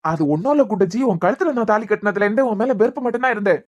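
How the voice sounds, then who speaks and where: A woman's voice: medium pitch, animated, very fast, lightly acted. A woman voicing a teasing young husband in a cartoon web series, with a Kanyakumari Tamil accent and a mocking manner.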